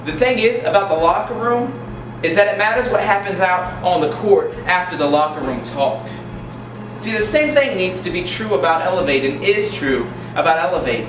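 A young man, a youth pastor, giving a short motivational talk to the camera, earnest and building to excited emphasis. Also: high voice, normal speed, background noise. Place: school locker room and long hallway, indoors. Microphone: camera a few steps away, no mic seen. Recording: roomy, distant sound with music underneath.

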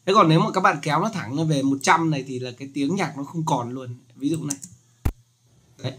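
A man hosting a casual screen-recorded software tutorial, chatty and joking as he explains. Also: fairly high pitch, a little fast, a little hiss or hum.

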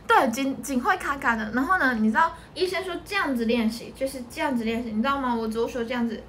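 A woman's voice: high voice, fast talker, a bit bright, a little hiss or hum. A young woman with a Taiwanese Mandarin accent, chatting on a livestream from home, answering comments and laughing often. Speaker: idol group member livestreaming. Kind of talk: casual livestream chat.

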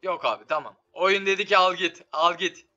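A man's voice: high-pitched, normal speed, sharp tone, lo-fi sound. A man doing casual, slangy live commentary on a slot game, swearing and talking to it, his voice giving out from being a bit sick. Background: game music.

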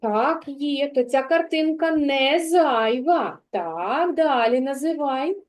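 A woman's voice: high-pitched, lively intonation, takes it slowly. A woman kindergarten teacher giving a child a one-on-one literacy lesson, patiently drawing out and stressing sounds and words.

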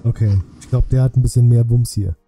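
Speaking briskly in a mellow, steady, medium-pitched voice, this streamer talks through a game live for viewers with casual, thinking-aloud asides. He's in an indoor room with a streaming setup, game music faintly audible in the background.

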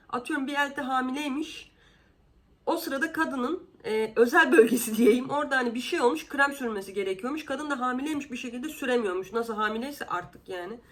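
A woman vlogger giving casual commentary in an indignant, exasperated, sarcastic manner, with sudden jumps in pitch. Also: a bit bright.

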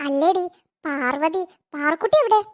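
A doting old grandmother from an animated cartoon, protective and quick to scold anyone who hurts her grandchild. The voice sits very high and thin for an elderly woman. She fusses tenderly over the little one. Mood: searching, worried. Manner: tender with the child, scolding toward her daughter-in-law.

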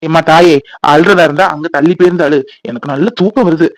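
A man's voice: a little high, fairly even intonation, brisk, dry recording, close to an everyday voice. A man voicing a playful young husband in a cartoon who teases and mocks his crying wife. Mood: teasing. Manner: mocking, teasing.

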